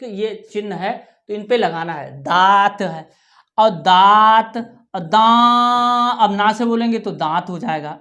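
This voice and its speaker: A woman teaching young children in a slow, unhurried voice. She says each word and then says it again so the class can repeat after her. Her pitch sits in an ordinary middle range, and she often checks in with the class between tasks. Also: a bit bright. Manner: talks children through writing tasks, often ending with "ठीक है". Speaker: primary school teacher. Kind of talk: Hindi workbook lesson for young children.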